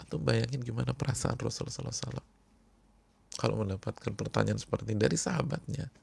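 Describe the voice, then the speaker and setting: A man preaching a sermon to a congregation, speaking emphatically and repeating key words, often dropping to hushed tones. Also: mid-range voice, fast talker, gravelly, husky. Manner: addresses the congregation directly. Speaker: Islamic preacher.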